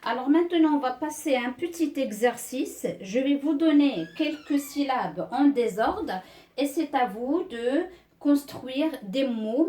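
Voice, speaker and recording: A woman's voice: high-pitched, darkish tone, far from the mic. A woman teacher giving a beginners' reading lesson, patiently repeating words and syllables one by one. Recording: echoey room, voice off-mic.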